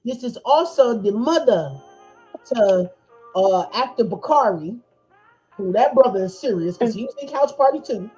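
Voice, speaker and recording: A woman hosting a casual podcast from home. Her voice sits high and mellow, and she jokes and laughs loudly with her guest. Faint music runs underneath. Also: moderate pace, rough recording. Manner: loud, laughing, animated banter. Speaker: podcast host. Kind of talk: casual chat. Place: home, eating on a livestream.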